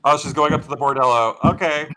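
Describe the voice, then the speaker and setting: A man hosting a live paranormal stream, upbeat and halting with small restarts. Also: fairly high pitch, steady tone, sharp tone. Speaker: host.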